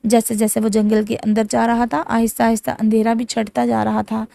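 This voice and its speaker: A woman narrating a romance novel audiobook with steady storytelling, close to the mic. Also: a little high, vocal fry, no room sound. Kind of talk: novel reading.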